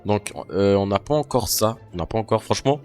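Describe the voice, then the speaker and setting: A man's voice: on the low side, a little fast, smooth, faint music behind. A man commentating his horror game playthrough, often panicking and talking straight to his viewers. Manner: panicky, excitable, talks to viewers. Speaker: gamer.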